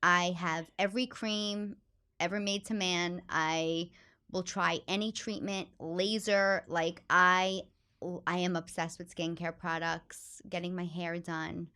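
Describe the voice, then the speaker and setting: A woman from the Bronx with a New York accent talks in an interview as a comedian guest. Her voice sits a little low, and her delivery is loud, expressive and full of energy. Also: takes it slowly, clear, resonant tone. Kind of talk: casual interview chat.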